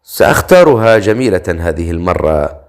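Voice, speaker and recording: A man's voice: sits low, very animated, normal speed, smooth. A man voicing a cold, sneering priest. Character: cold, mocking male priest who experiments on captives.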